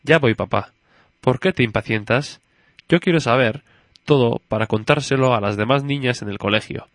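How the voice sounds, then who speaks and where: A man's voice: medium pitch, normal speed, no room sound, lightly acted. A man reading a story aloud and voicing a curious, chatty little girl who keeps questioning her father. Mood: innocent curious.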